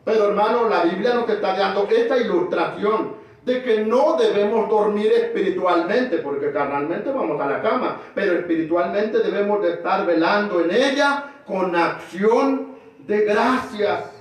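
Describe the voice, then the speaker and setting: A man's voice: high voice, moderate pace. A man preaching a sermon, emphatic and calling out to his listeners as brother again and again. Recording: very echoey, distant mic in a hall.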